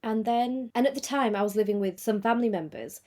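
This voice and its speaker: A woman in her thirties from England, telling her story in a relaxed podcast chat, full of fillers and asides. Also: on the high side, a little fast. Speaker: podcast guest, choreographer in film industry. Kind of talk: casual chat.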